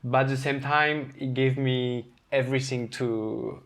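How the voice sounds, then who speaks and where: A man with a French accent talks as a chef guest on an interview show. He tells his stories candidly and with energy, and he acts out the quoted lines in them. His voice sits at an ordinary male pitch. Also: steady tone, unhurried, a bit bright. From France. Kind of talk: casual storytelling interview.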